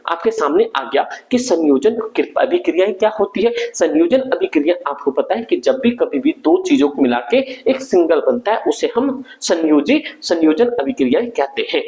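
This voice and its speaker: Young man, revision teacher, animated voice, casual and brotherly, checks in with students. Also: high voice, rough recording. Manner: informal, brotherly, keeps checking students follow. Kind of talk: exam revision lesson.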